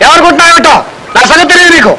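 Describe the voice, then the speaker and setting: A man's voice: very high voice, lively intonation, racing, background noise. An actor playing a blustering, boastful man who rants, scolds and makes mock-tough threats in a comic film. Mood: ranting.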